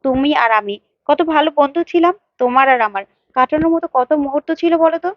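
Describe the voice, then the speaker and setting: A woman's voice: high-pitched, fast talker, dry recording, highs cut off, natural voice. A woman voicing a young married man who answers firmly and defensively. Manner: firm, defensive.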